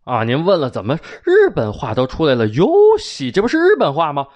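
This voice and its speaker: A man's voice: on the high side, huge pitch swings, fast talker, highs cut off. A man with a Beijing accent telling old folk legends, chatty and addressing his listeners directly with colloquial asides. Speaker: storyteller. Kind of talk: folk-tale storytelling to listeners.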